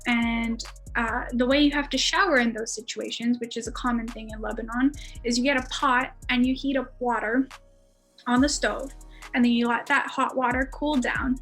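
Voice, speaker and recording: A woman's voice: fairly high pitch, steady tone, moderate pace, a bit bright, faint music behind. A young American woman in her twenties, a podcast guest telling a story in a casual, chatty way with lots of fillers and frequent laughs. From United States.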